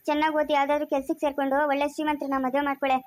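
A young woman playing a blunt, practical student friend who talks in a brisk, scolding way in a family skit. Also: sits high, little pitch movement, close to an everyday voice. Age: young adult. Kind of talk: amateur family skit acting.

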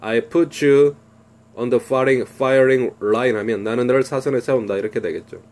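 A middle-aged man teaching English through a pop song, slowly reading lyric lines and explaining the grammar. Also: medium pitch, darkish tone.

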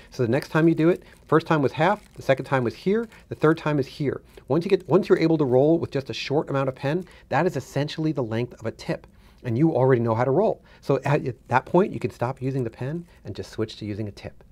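A man's voice: medium pitch, a little mellow. A middle-aged man giving a casual hands-on tutorial, instructing step by step and repeating himself for emphasis. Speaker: demonstrator, guest.

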